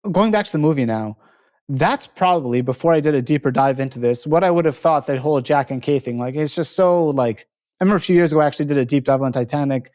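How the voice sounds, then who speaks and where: Chatty podcast host full of "like"s. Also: male voice, fairly high pitch, quick pace, darkish tone. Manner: chatty, lots of "like" and "you know", self-correcting. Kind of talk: casual podcast discussion.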